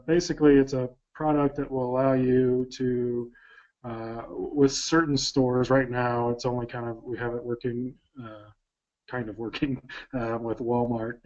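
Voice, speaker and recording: Halting man on a muffled video call. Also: mid-range voice, darkish tone. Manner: halting, hesitant, many fillers. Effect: heard over a video call. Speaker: software developer showing a product. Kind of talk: live screen-share demo.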